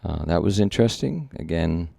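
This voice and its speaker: A man's voice: low-pitched, lively intonation, moderate pace, creaky, mellow, dry recording, clean studio sound. A man in his sixties from Singapore, a company founder chatting as a podcast guest, joking and rambling with many restarts. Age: 60s. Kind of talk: casual interview chat.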